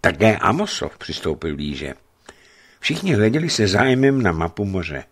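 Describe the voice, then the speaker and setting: A man's voice: lowish voice, big pitch swings. A man reading a historical novel aloud for radio, telling the story expressively. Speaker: narrator.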